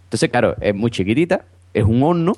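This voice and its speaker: A man co-hosting a podcast, telling a story in animated casual chat, loudly voicing quotes and restarting sentences. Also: mid-range voice, a little fast, no echo. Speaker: podcast co-host.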